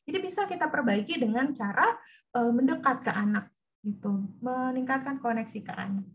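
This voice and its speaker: A woman with a fairly high voice leads a parenting lesson over a video call. She explains step by step and keeps checking in with her audience. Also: normal speed, muffled recording, slight background noise. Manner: explanatory, often checking in with the listeners. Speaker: parenting speaker.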